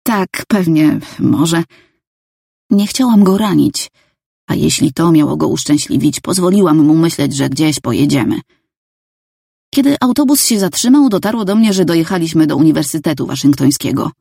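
A woman reading a novel aloud in first person, calm and even. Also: low voice, fairly quick, gravelly, breathy edge, dry recording, clean studio sound. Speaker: audiobook narrator. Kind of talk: scripted first-person narration.

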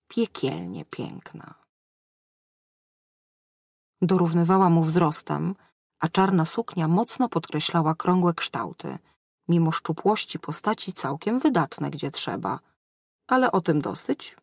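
A woman narrating a fairy tale in a measured storytelling manner. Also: low-pitched, expressive, slightly rough, no room sound, clean studio sound.

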